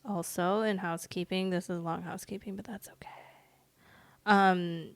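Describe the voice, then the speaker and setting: A woman co-hosting a podcast in casual chat, giving long-winded explanations with wry, deadpan asides. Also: lowish voice, fairly quick. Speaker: podcast co-host.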